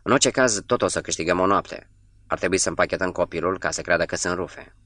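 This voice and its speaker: A man's voice: low-pitched, fairly bright tone, no room sound, clean studio sound. A man voicing an anxious pleading mother. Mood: scheming.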